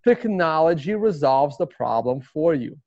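An expressive, slightly mellow voice on the high side belongs to a man from Russia, a native Russian speaker with a Russian accent. At a measured pace, he rambles as a casual interview guest, with many fillers and restarts. The recording is dry, slightly dull, and has no echo.

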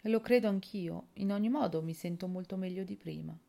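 A frail bedridden woman, as a woman reader puts her on, speaks softly and pleadingly. The voice is low with a gravelly texture, in a spoken storybook. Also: fairly quick.

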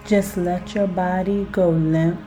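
A woman guiding a self-hypnosis relaxation in a soothing, deliberate manner, like a sleep story narrator. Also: lowish voice, steady tone, dark tone, soft background music, poor audio. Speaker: podcast host and relaxation guide.

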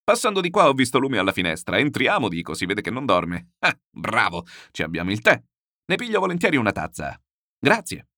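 A man voicing a loud, boastful, blustering landowner who rambles in shouts, in a storybook reading. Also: mid-range voice, huge pitch swings, brisk, no echo, studio quality, exaggerated voice. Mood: boisterous.

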